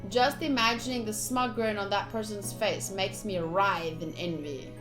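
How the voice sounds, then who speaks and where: Against background music on a low-quality recording, a young woman gives playthrough commentary at an unhurried pace and a medium pitch. As a game streamer, she reads the narration with feeling and drops in chatty remarks between passages.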